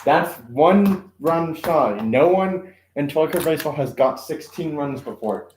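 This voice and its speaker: A man's voice: on the high side, animated, unhurried, roomy sound, noisy background. Rambling man commentating on toy car games. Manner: rambling, self-correcting, lots of "um" and asides. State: occasional coughing. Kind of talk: casual live-stream commentary. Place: room at home.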